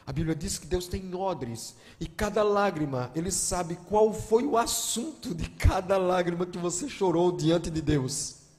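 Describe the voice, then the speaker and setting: A guest pastor, preaching a sermon and telling stories, moving from hushed to loud emotional appeals. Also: male voice, sits high, expressive, unhurried. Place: large church hall. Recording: long church-hall reverb.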